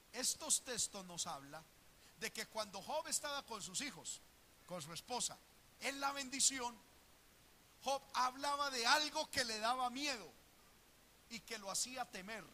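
A male preacher, preaching with animated energy. His voice sits high and sounds very bright and sharp. He calls his listeners brother and slips into acted voices. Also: slight background noise. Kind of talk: sermon.

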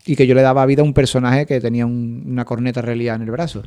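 A man's voice: mid-range voice, little pitch movement, rapid-fire, warm tone. A man, a guest musician chatting in a radio interview in a rambling way with lots of fillers. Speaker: guest musician, cornet player.

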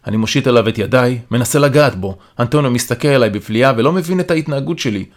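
A man narrating an audiobook in the first person with a calm, steady storytelling manner. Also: mid-range voice. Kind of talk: first-person dramatic reading.

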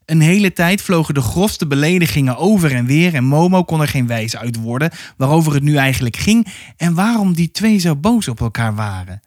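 A man's voice: a little high, lively intonation, normal speed, no room sound, studio quality. Man reading a children's book aloud. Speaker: storyteller.

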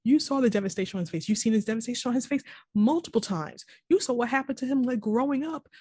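A woman's voice: a little high, quick pace, mellow, husky, no room sound, studio quality. A woman co-hosting a casual TV recap chat, retelling scenes and acting out the characters' lines with scorn.

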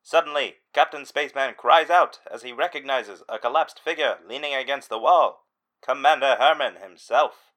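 Bright-voiced deadpan male narrator. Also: medium pitch, moderate pace, poor audio. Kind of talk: mock-dramatic scripted narration.

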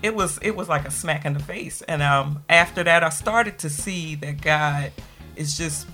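A middle-aged woman, a guest author on a radio interview, telling a personal story in an animated way and acting out the voices of people she quotes. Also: deep voice, moderate pace, soft background music.

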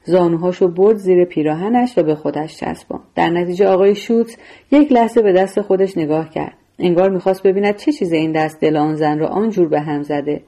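Mellow-voiced woman reading a story. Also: fairly low pitch. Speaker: audiobook narrator. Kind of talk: scripted storytelling narration.

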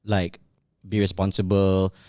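Man, 30s, podcast host, lowish voice, dry close sound, relaxed reflective chat. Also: a little slow, no echo. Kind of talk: casual chat among friends.

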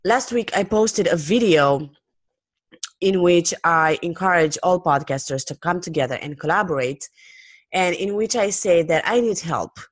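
A woman hosting her own podcast, talking off the cuff in a lively, jokey way with lots of fillers and restarts. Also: on the low side, dry recording, studio quality. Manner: playful, jokey. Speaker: podcast host. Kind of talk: unscripted solo podcast talk.

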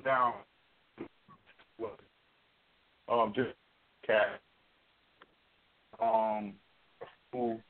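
A man's voice: on the low side, flat delivery, extremely slow, pauses often. Man on a call that keeps dropping out. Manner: loose, with many "um"s. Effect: call dropping out, speech breaking up. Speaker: podcast host. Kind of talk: casual chat. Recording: tinny phone-line audio.

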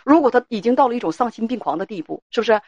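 A woman's voice: fairly high pitch, lively intonation, racing, darkish tone, slightly rough, no room sound, muffled recording. Woman hosting an advice call-in, firm, lots of rhetorical questions, dry close sound. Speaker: advice show host.

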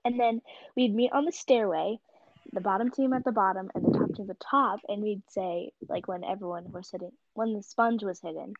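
A teenage girl chatting casually and telling stories with lively gasps and laughs. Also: medium pitch, fairly quick, noisy background. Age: teens. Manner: animated storytelling with gasps. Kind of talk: casual chat. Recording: dull lo-fi mic.

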